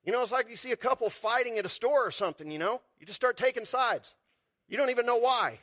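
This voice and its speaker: A male pastor preaching a sermon in an animated, conversational way, often asking the congregation rhetorical questions. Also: very high-pitched, fast talker, no room sound, studio quality.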